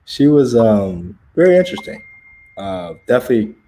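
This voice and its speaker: A man's voice: mid-range voice, very animated, moderate pace, warm tone, slight background noise. An American man hosting a casual livestream chat, laid-back and laughing often, talking in loose slang. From United States. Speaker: livestream host.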